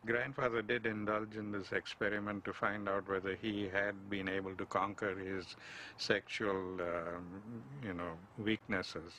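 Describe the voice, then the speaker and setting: Bright-toned man, measured and defensive. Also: fairly low pitch, level tone, a little hiss or hum, rough recording. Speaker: interviewee. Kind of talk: interview.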